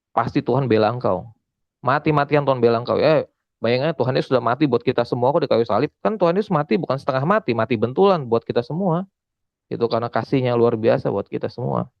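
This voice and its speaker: A man's voice: medium pitch, gravelly, dry recording, dull audio. A man preaching and giving a testimony in a conversational, emphatic way, often calling out to his listeners. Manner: conversational, addresses listeners as saudara, emphatic repetition. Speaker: evangelist preacher. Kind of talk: sermon testimony.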